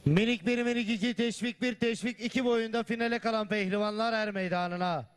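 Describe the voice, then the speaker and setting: A man's voice: sits high, steady tone, a little fast, clear, resonant tone. A man as arena announcer, calling competitors by category in a distant recording with crowd and noise.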